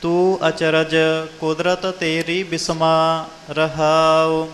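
A man reciting scripture in a measured sing-song chant, pausing between lines for correction. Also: a little high, monotone, fairly bright tone, long reverb tail, slight background noise.

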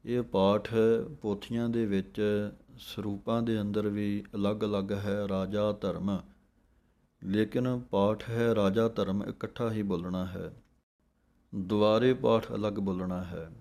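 Slow, low-voiced man teaching recitation. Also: fairly even intonation, a little mellow. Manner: recites verses slowly and drawn out, then explains. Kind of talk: slow recitation lesson with pronunciation notes.

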